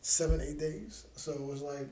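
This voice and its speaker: In an echoey room with faint background noise, a podcast co-host in his thirties chats casually, relaxed and joking, swearing often. His voice is a little high and warm, and he speaks at a measured pace.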